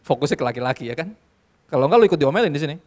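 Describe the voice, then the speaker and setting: A male youth pastor preaching to a live audience in a church hall, lively and joking, often switching into English. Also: a little high, very fast. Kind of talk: sermon.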